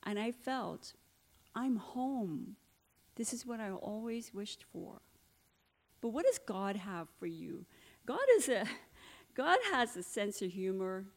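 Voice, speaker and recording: A woman's voice: medium pitch, lively intonation, slow. A middle-aged woman from Trinidad and Tobago sharing her personal testimony in church, telling her story earnestly with slides. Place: church hall.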